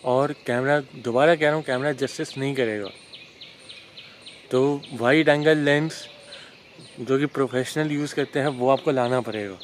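Slow-talking young man vlogging outdoors. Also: medium pitch, slight background noise. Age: young adult. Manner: chatty, self-correcting, joking asides. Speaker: travel vlogger. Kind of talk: casual walking vlog. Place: outdoors in a wooded resort. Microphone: phone held at arm's length. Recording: faint outdoor ambience with birds.

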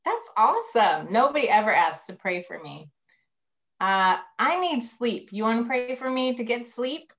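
A woman's voice: fairly high pitch, big pitch swings, moderate pace, fairly bright tone. A middle-aged woman priest casually explaining things for children on a video call. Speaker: priest, interview guest. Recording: slightly dull video-call audio.

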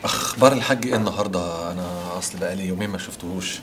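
An actor playing a smooth, flirtatious pilot with an Egyptian Arabic accent, in a TV drama. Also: male voice, low voice, rapid-fire, close to an everyday voice.

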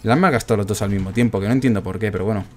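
A man casually commentating his own gameplay, chatty and excitable, groaning at every miss. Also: on the low side, very fast, a little hiss or hum. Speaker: gaming streamer.

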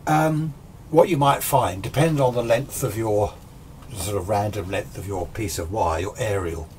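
In a small indoor radio workshop at home, a British hobbyist presenter in his sixties explains technical matters informally, rambling a bit and poking fun at himself. He speaks on the low side at a normal pace, over a constant hum of background noise.

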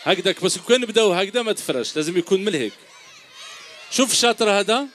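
A man's voice: high voice, lively intonation, fast talker, a bit bright, a faint crowd, a little hiss or hum. A middle-aged man with an Algerian Arabic accent, hosting a children's show on an outdoor stage, teasing kids with quiz questions into a handheld microphone. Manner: teasing, jokey, calls kids "my dears". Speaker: children's entertainer host. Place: outdoor stage before a large crowd of children.

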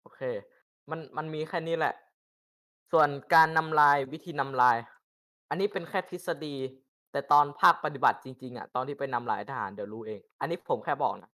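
Young guy explaining game tactics, kinda high voice, swears a lot and rambles. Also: animated, a little fast, pushed and bright. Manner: crude swearing, rambling with fillers. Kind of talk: casual informal tutorial.

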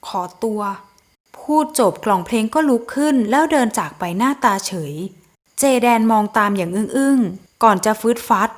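A woman narrating an audio novel in a steady, even reading voice. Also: a little high, moderate pace. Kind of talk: scripted storybook narration.

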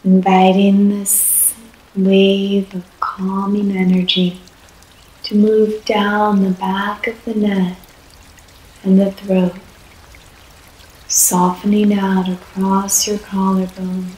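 A yoga nidra guide leads a relaxation meditation very slowly, her soft, soothing, unhurried mid-range voice completely flat. She leaves long pauses between short phrases, and the room is echoey with faint background noise.

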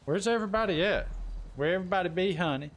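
A man with a high-sitting voice talks fast while streaming a video game, keeping up casual chat in a jokey, folksy, exclamatory style. Game gunfire, vehicle noise and other sound effects play behind him.

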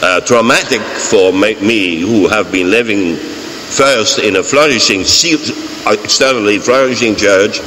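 Older dutch priest preaching, slow and deliberate, pulpit mic, big echoey church. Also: male voice, on the low side, sharp tone. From Netherlands. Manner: slow, deliberate, emphatic with repeated phrases. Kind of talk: homily. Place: large church, indoors. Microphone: fixed mic on pulpit. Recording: church reverb, faint hiss.

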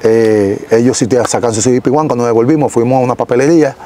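A young Dominican man with a Dominican Spanish accent, telling his story as an interview guest in an animated, casual way, recorded outdoors on a lapel mic. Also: medium pitch, fast talker, low-quality recording. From Dominican Republic. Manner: animated, gesturing, frequent self-corrections. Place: outdoors in a rural yard.

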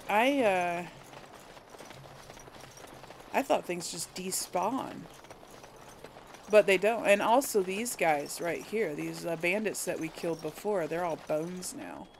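Her voice sits on the low side and comes out creaky, with a faint hiss or hum in the audio. As a gaming video host, she muses aloud and talks to viewers in relaxed let's play commentary while game ambience and effects play.

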